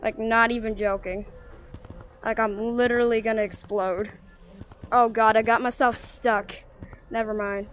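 Excitable woman, slow casual gameplay chatter. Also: on the high side, faint music behind. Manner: excitable, with sudden gasps and rapid repeated exclamations; slangy and chatty. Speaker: gaming video creator.

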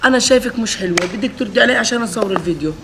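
A man's voice: very high-pitched, racing, creaky, music in the background. A man hosting a prank vlog, talking in casual, insistent and nagging banter.

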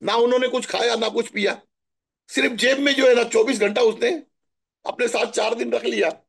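High-pitched man, gravelly husky voice, chatty spiritual talk, animated storytelling. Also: moderate pace. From Maharashtra, India. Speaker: spiritual guest answering questions.

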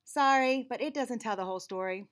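Reading a picture book aloud to young children, a woman in her forties speaks a little high and a little fast. She's an American read-aloud host and teacher who reads expressively and offers friendly teaching asides, all from a small indoor room with shelves and cabinets.

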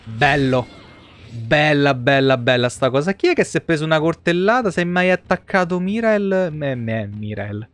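With a fairly high pitch, lively intonation and a moderate pace, this thirties-aged game streamer comments live from a small home setup. Game music runs underneath his casual, crude, slangy chatter, and he swears freely.

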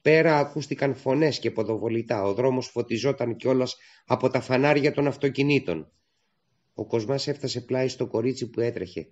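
A man narrating a literary audiobook in a steady, measured storytelling manner, on a dull lo-fi recording. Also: mid-range voice.

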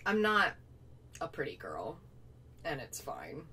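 A woman's voice: low voice, wildly swooping pitch, takes it slowly, pushed and bright. A young woman vlogging casually, playful and self-mocking, sometimes talking with her mouth full. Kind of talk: casual unboxing vlog. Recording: distant mic with faint room noise.

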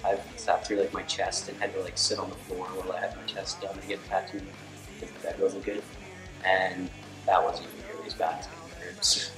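A man's voice: sits low, level tone, a little fast. An eighteen-year-old man from Canada talking casually in a seated interview, full of "like" fillers. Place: studio with gray backdrop. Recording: roomy studio with music bed.

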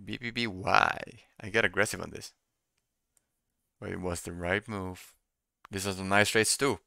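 A young man doing casual live trading commentary, thinking out loud and repeating his phrases as he muses. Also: sits low, steady tone, normal speed, creaky, no echo, clean studio sound. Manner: repeats phrases while musing to himself. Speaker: day trader streaming live. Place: small room indoors at a computer desk.

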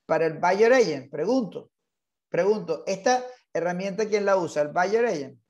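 A man's voice: high voice, animated, moderate pace, darkish tone, highs cut off. A man leading an online real estate training class, insistent and repetitive, mixing English terms into his Spanish.

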